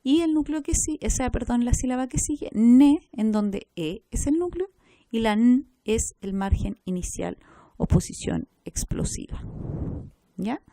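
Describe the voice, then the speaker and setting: A woman with a warm, mellow, fairly high voice teaches a recorded class, walking through each point step by step and checking in with "¿ya?". Her intonation is lively and her pace measured. The sound is dry and close, with no room echo.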